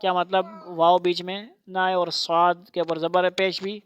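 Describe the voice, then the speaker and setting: A woman teaching Quran recitation to a child, spelling out syllables slowly for repetition and then explaining rules in quicker bursts. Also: fairly low pitch, little pitch movement, smooth, no echo, dull audio.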